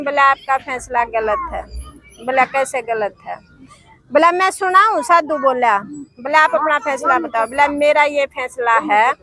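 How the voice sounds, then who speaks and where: A woman's voice: sits high, sharp tone, dry recording. A woman telling a folk tale aloud in a homely, rustic way. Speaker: storyteller.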